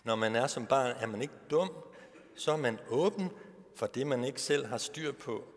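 A man's voice: mid-range voice, animated, long reverb tail. A male pastor giving a sermon, posing rhetorical questions to the congregation.

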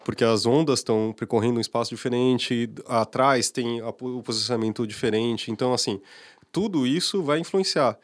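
A man's voice: mid-range voice, brisk. A man with a cold, talking in an inquisitive, demonstrative way in casual conversation. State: has a cold.

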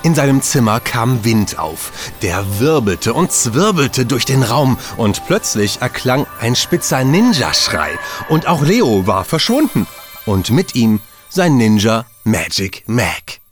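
A man narrates a children's audio story and talks straight to the young listener. His delivery is playful and swings widely in pitch, with soft music underneath. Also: very animated, slow. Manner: addresses the listener directly, playful.

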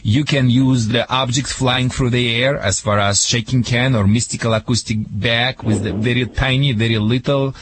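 A man's voice: medium pitch, steady tone, moderate pace, few pauses, noisy background. A man from Russia with a Russian accent gives spontaneous advice as a radio dog trainer, speaking emphatically and jokingly with non-native grammar and dropped articles.

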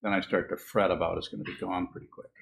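A man with a low, gravelly voice gives a Buddhist talk in a loose, rambling way, often restarting his sentences. There is faint noise behind him. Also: little pitch movement, fast, low-quality recording. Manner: rambling, restarts, gentle chuckles. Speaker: Buddhist teacher. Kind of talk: dharma talk with questions.

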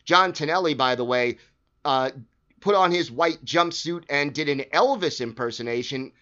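A man's voice: fairly high pitch, moderate pace, bright, forceful tone. A man hosting a sports history show, recapping old games in a casual, conversational way, listing scores and stats with frequent fillers. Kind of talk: casual narrated game recap. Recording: dull lo-fi recording.

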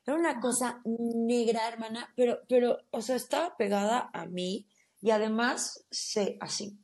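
Mellow-voiced Mexican woman telling a story. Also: fairly high pitch, normal speed, vocal fry. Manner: animated, slangy, acts out her own quotes. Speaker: podcast guest. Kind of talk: casual storytelling chat.

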